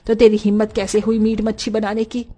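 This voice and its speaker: A woman voicing a short-tempered, strict older landlady in an animated story, scolding and shouting. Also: mid-range voice, brisk, close to an everyday voice. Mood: angry scolding.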